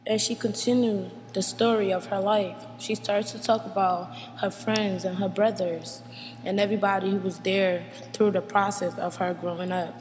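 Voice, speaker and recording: Flat-voiced woman narrator, faint music. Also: mid-range voice, normal speed. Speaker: interviewer and narrator. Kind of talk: documentary narration. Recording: long reverb with faint music.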